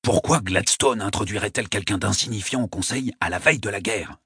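Man voicing a jittery conspirator, gravelly, raspy, bright edge, scoffing outbursts, audiobook. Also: on the low side, a little fast, no room sound, studio quality, exaggerated voice. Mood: suspicious. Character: nervous, scornful male conspirator. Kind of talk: audiobook character voice.

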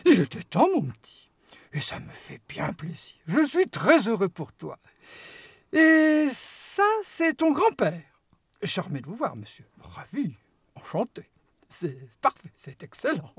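Woman voicing a mischievous little chocolate-maker, gushing and theatrical, wildly swooping pitch, dry studio sound. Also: very animated, unhurried, breathy edge, no echo, full character voice. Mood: welcoming. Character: small, lively, mischievous male chocolate-maker. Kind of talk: audiobook character voice.

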